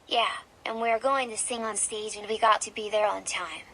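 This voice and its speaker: A woman's voice: mid-range voice, steady tone, moderate pace, a bit bright. A woman voicing a cheerful kid singer who leads the group, speaking in an upbeat way.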